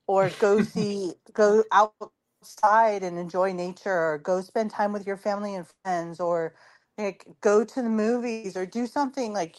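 A woman hosting a casual radio talk show in a chatty, informal, giggly way, her voice hoarse and worn from too much talking. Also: medium pitch.

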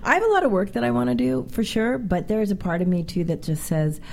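A woman's voice: mid-range voice, lively intonation, fast, creaky, darkish tone. A woman guest on a talk show, chatting casually and chiming in with agreement.

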